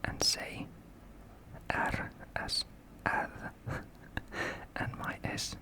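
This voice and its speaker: An ASMR creator from Finland whispers softly and slowly through a video in a Finnish accent, letting out small laughs along the way.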